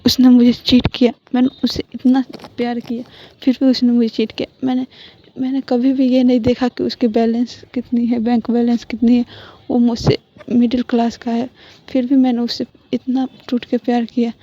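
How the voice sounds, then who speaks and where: A woman's voice: on the high side, little pitch movement, moderate pace, dark tone, natural voice. Woman voicing a heartbroken young woman. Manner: tearful, pleading. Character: heartbroken young woman crying over betrayal. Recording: dull lo-fi with faint noise.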